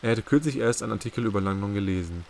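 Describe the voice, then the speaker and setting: A man narrating a novel chapter as a hobby audiobook, with steady, measured storytelling. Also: fairly low pitch, gravelly, a little hiss or hum. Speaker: audiobook reader.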